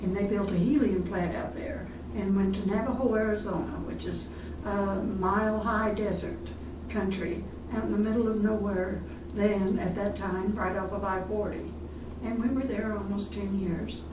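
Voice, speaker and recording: A woman's voice: mid-range voice, fairly even intonation, normal speed. An older woman from Texas, a retirement community resident being interviewed about her life. She speaks unhurriedly, with many fillers and restarts. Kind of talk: recorded oral history interview. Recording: roomy, distant mic with background noise.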